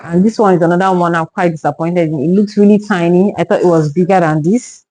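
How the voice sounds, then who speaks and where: A woman's voice: fairly low pitch, fairly even intonation, fast talker, a little mellow, dry recording, poor audio. Exasperated young woman vlogger, dry sound. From Nigeria. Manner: exasperated, repeats words when upset. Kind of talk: casual haul review to camera.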